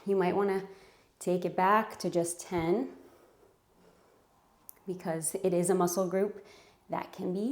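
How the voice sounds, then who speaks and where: A woman's voice: mid-range voice, a little mellow, reverberant. A woman leading a home workout, counting reps and giving encouraging cues while out of breath. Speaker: fitness instructor. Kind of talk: guided home workout instruction. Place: home room.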